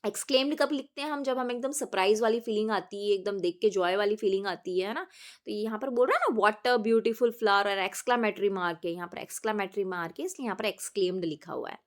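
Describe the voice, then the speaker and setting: A woman English teacher walking students through a board exam paper, explaining step by step and answering her own questions. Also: medium pitch. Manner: reads question items slowly and clearly. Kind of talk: exam paper walkthrough lesson.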